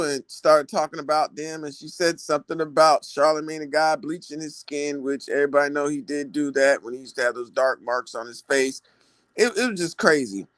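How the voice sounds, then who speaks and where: A man's voice: fairly high pitch, a bit bright, no echo. A man giving casual celebrity gossip commentary, retelling stories in slangy talk and acting out the quoted lines.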